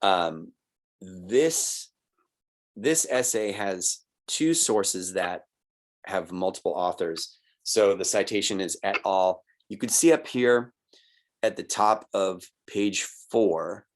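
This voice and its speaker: In a low, slow voice, a man teaches a recorded online college writing lesson. He explains patiently with little laughs, checking in with "right?" and "okay?"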